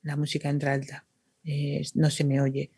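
Her low, monotone voice moves at a moderate pace, a little mellow with a breathy edge and no room sound. A radio announcer and podcaster, she's a guest in a casual interview chat, talkative, self-deprecating, and laughing.

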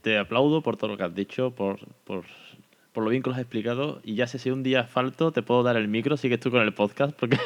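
A man's voice: medium pitch, dull audio. A man hosting a podcast, chatty and effusive in a casual interview. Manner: chatty and effusive, quick asides. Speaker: podcast host. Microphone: recorded without camera.

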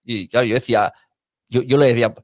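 A man's voice: medium pitch, steady tone, fast, no echo, clean studio sound. Man telling casual anecdotes. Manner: anecdotal, laughs often, quotes people in his stories. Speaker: podcast teacher and host. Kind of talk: casual chat.

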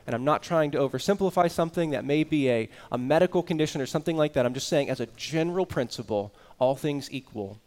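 A man preaching an earnest sermon as pastor, explaining scripture with rising emphasis. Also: fairly high pitch.

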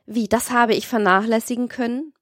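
A woman's voice: on the high side, steady tone, moderate pace, no echo, studio quality, close to an everyday voice. A woman reading the lines of a depraved, cruel man who gloats and schemes to himself. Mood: gloating. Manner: gloating, scheming inner talk. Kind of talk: dramatized audiobook reading.

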